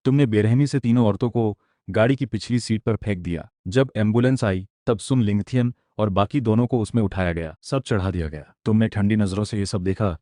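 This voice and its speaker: A man narrating a comic-style story recap in a steady, dramatic storytelling manner. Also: on the low side, fairly quick, hardly any pauses, no room sound, clean studio sound.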